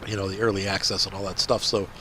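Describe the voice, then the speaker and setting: A man's voice: deep voice, little pitch movement, fast talker, pushed and bright, a little hiss or hum. A man with a congested, blocked-up nose giving casual, rambling gameplay commentary as a video host. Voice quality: congested, blocked nose, nasal stuffy sound.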